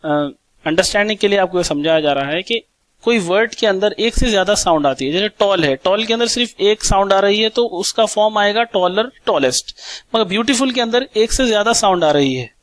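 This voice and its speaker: A man teaching an English grammar lesson in Hindi, asking and answering his own questions and slowly repeating word forms. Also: high voice, lively intonation, a bit bright, dry recording, low-quality recording.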